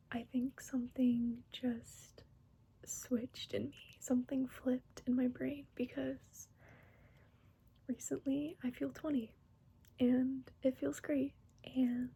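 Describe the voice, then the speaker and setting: A woman in her twenties chatting in a soft whisper for an ASMR get-to-know-me video, unhurried and giggly, close to the microphone. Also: high-pitched, creaky, breathy edge, low-quality recording. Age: 20s. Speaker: ASMR creator. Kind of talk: soft-spoken ASMR chat.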